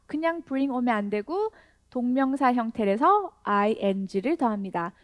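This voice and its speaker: A woman teaching an English lesson, coaxing learners to repeat slow, drilled phrases step by step. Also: a little high, animated, no echo.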